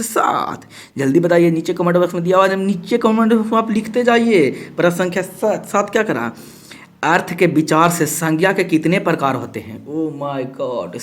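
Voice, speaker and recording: A male teacher, running a playful exam-prep lesson who acts out student questions and repeats answers. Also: fairly high pitch.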